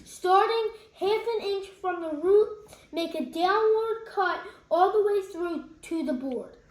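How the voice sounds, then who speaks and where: A very high-pitched female voice helps out in a home kitchen, upbeat and agreeable. She reads recipe notes aloud step by step in a casual way. The kitchen adds a roomy echo. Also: a little slow. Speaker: cooking helper and co-host. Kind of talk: casual cooking chat.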